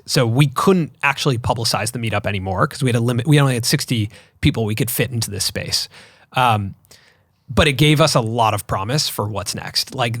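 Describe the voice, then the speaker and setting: A man's voice: medium pitch, no room sound, clean studio sound. A man in his thirties co-hosting a podcast, chatting casually with lots of fillers and likes. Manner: relaxed, conversational, frequent fillers. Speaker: podcast co-host. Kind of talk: casual chat.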